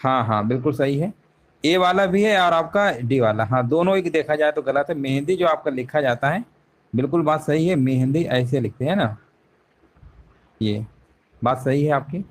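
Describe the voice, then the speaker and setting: A male teacher with a somewhat high voice leads a live online exam-prep class. He walks through each question step by step, repeats the answers, and keeps asking rhetorical questions. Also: lively intonation, moderate pace.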